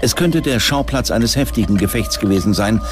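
A man with a lowish voice reads scripted documentary narration, his delivery animated and brisk. Music plays behind him throughout.

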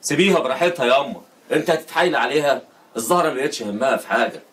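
An actor playing a curt, dismissive grown son in a TV drama, with an Egyptian Arabic accent. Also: male voice, medium pitch, lively intonation, rapid-fire, a bit bright, close to an everyday voice. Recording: distant voice with background noise.

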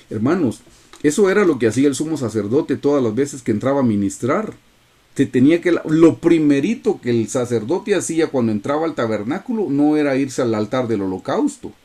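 A man's voice: mid-range voice, dark tone. A man teaching a Bible study over a video call, earnest and addressing his listeners as brothers.

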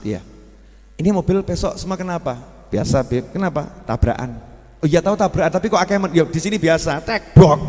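A man with a Javanese Indonesian accent preaching a sermon in a folksy, animated storytelling manner. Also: sits high. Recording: long hall reverb.

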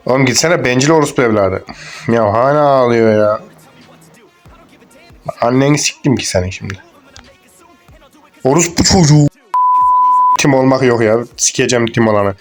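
A young man giving casual, crude, joking commentary over a game, rambling and swearing as he plays. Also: fairly low pitch. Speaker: gaming YouTuber.

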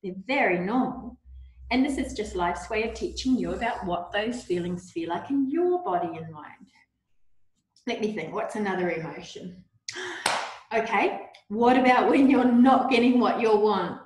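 A woman teaching a yoga lesson to young children, talking softly and encouragingly, with breathy sighs during breathing exercises. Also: medium pitch, normal speed. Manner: soft, encouraging, coaxing. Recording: very echoey room.

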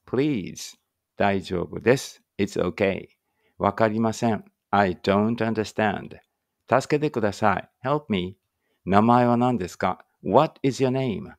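Low gravelly man leading phrase drills. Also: no echo, clean studio sound. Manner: reads each Japanese phrase, then its English version, slowly and deliberately; explains in a relaxed conversational tone. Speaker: English teacher. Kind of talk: read-aloud language drill with commentary.

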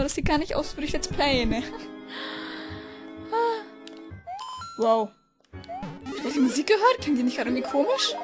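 High-voiced chatty young let's player. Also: female voice. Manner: chatty, rambling, with sudden frustrated outbursts. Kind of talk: casual gameplay commentary. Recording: game music playing behind the voice.

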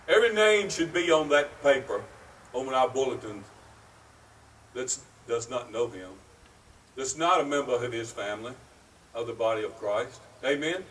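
Middle-aged man, pastor, slow deliberate outdoor sermon, slightly higher voice, mic well off, faint hiss. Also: fairly bright tone, far from the mic, rough recording. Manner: slow, earnest preaching with pauses. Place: outdoors by a brick church. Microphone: far camera, at a wooden pulpit.

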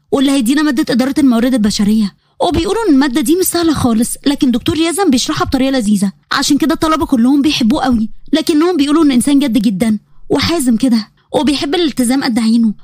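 A woman voicing a chatty, cheerful young female student with an Egyptian accent, friendly and excitable. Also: high voice, very fast, no room sound, clean studio sound. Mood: gossipy.

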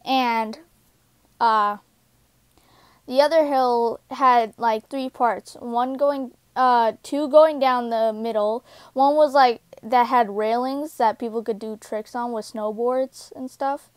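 A young woman with a smooth, clear, slightly high voice recounts a childhood memory in a halting, casual way. She trips over words and leans on fillers as she goes. The sound is close and dry, with no room around it. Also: fairly even intonation, dry recording. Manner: halting, many fillers and restarts. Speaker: storyteller. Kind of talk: casual personal story.

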